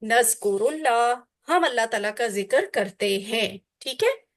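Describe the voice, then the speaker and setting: A woman teaching a class on Quranic Arabic, drilling word forms slowly and deliberately, then explaining them. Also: fairly high pitch, animated.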